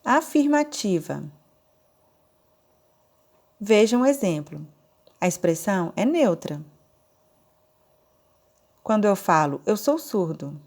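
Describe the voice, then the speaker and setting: A woman with a Brazilian Portuguese accent teaching a recorded online lesson, explaining slowly and step by step. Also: medium pitch, a little mellow. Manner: slow, deliberate, explaining step by step. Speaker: sign language teacher.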